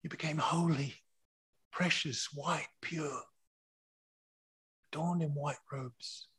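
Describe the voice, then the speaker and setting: Male preacher, sermon delivery, unhurried and emphatic, breathy husky tone. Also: fairly high pitch, steady tone, fairly bright tone. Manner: emphatic, repeating key phrases.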